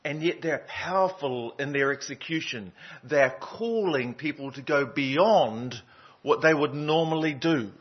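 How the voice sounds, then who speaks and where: Man, pastor, casual sermon, husky voice, muffled lo-fi sound. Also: a little high, unhurried. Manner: conversational, lots of ums and uhs. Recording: dull lo-fi sound.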